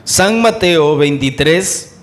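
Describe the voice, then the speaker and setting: A male preacher with a notably high voice delivers a fervent sermon. He calls out to his listeners as brothers and fires rhetorical questions at them. His pace swings from quick bursts to slow, weighty phrases. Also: lively intonation, a bit bright.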